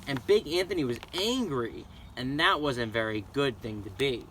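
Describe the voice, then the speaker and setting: Expressive man reading a storybook, bright voice. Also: medium pitch, normal speed, slight background noise. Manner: expressive, dramatic. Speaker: storybook reader. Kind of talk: children's read-aloud narration.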